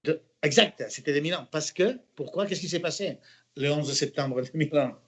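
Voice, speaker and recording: A man who is an actor and interview guest, telling anecdotes in a lively way, with many restarts and bits of English mixed in. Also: fairly high pitch, fairly quick, slightly rough. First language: Catalan. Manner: animated storyteller, many restarts, mixes in English phrases.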